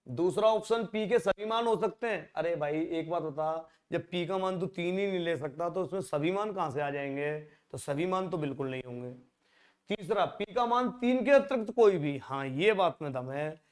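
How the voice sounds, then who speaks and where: A man with a slightly high voice teaches exam-prep maths, chatting with the class and tossing out rhetorical questions. While working through the sums he drops into a quiet, low mutter.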